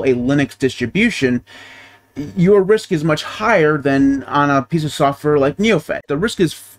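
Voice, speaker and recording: Guy in his 30s rambling through a tech explainer at his desk mic, easygoing, restarts a lot. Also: a little high. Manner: conversational, repeats and restarts while thinking aloud. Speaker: tech channel host. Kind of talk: casual explainer monologue. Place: small home office. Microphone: desk microphone on boom arm.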